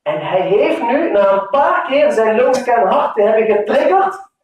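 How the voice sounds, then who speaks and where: High-voiced preacher in an echoing hall. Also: male voice, expressive, moderate pace. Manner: emotive, swings from raised to hushed, Arabic phrases woven in. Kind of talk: sermon. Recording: very echoey hall, mic far off.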